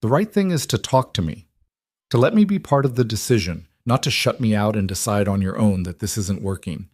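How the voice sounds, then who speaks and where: A man's voice: fairly low pitch, expressive, brisk, darkish tone, dry recording. A man voicing a distraught young woman who pleads and argues with a lover, in a dramatic story reading. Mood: heated. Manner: pleading, heated. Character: distraught young woman, fierce, desperate in love.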